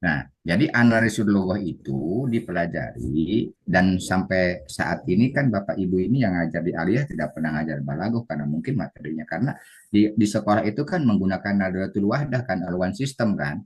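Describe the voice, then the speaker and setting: Male trainer on a video call, low and husky, lively delivery. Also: a little fast. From West Java, Indonesia. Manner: animated, acts out students' voices. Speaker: Arabic teacher trainer. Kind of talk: online class lecture.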